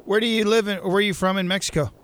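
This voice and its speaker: A man's voice: high-pitched, steady tone, very fast, a bit bright, a little hiss or hum. A man co-hosting a radio interview, wisecracking and chuckling. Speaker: radio co-host.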